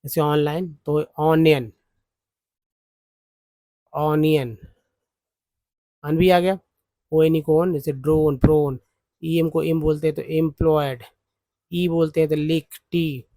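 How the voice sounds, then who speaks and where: A man teaching English phonics from slides, explaining word parts slowly. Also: fairly high pitch, little pitch movement, mellow, no room sound. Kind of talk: slide-based phonics lesson.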